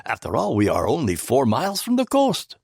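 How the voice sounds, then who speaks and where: A man's voice: mid-range voice, wildly swooping pitch, brisk, gravelly, a little mellow, slightly rough, dry recording, studio quality, voice pushed up, full character voice. A man voicing a shrewd, placid older Belgian male detective who speaks precisely and drops French phrases, in an audiobook. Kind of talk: audiobook character voice.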